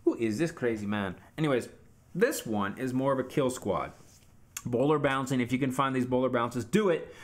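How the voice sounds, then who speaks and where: A man's voice: mid-range voice, moderate pace. A man giving casual commentary on a video game recap, coaching viewers directly in a chatty tone.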